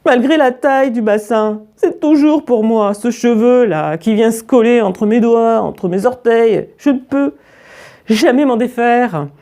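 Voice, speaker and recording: A woman reading a children's story aloud and voicing a whiny, disgusted little boy in a plaintive, drawn-out way. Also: fairly high pitch, mellow, voice pushed up.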